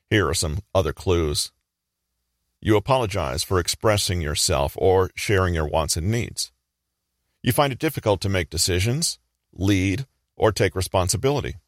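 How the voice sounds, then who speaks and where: Deep-voiced man narrating a lesson. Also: no room sound, studio quality. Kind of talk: scripted educational narration.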